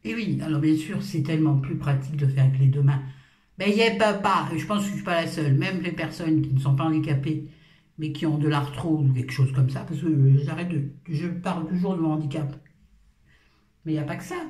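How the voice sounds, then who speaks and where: A woman's voice: low-pitched, a little fast, darkish tone. A playful, self-mocking woman in her fifties talks casually through her morning skincare routine at home. She sits well back from the mic, and her voice rings around a roomy, echoing space. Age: 50s. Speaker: beauty vlogger. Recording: roomy echo, far from the mic.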